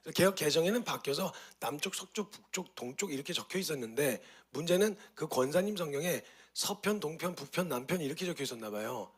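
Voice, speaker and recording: A male pastor teaching a course on Bible meditation, telling stories with lively rhetorical questions. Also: a little high, quick pace, few pauses, slightly rough. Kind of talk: teaching talk.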